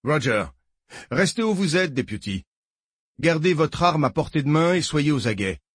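A man's voice: fairly high pitch, big pitch swings, normal speed, husky, no echo, clean studio sound, pitched above the performer's own voice. A man voicing a curt, commanding male federal agent giving clipped orders over the radio.

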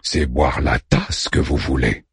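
Audiobook figure: a slow, wry male robot voiced by a male reader, low and dry. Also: steady tone, breathy edge, dry recording, heavily acted. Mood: calm, wry. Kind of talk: audiobook character voicing.

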